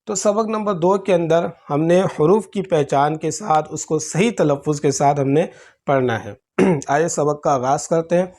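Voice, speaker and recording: A man teaching Arabic letters for Quran reading, explaining patiently step by step and often clearing his throat. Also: on the high side, a little mellow. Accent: Pakistani Urdu. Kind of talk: slow classroom-style letter teaching.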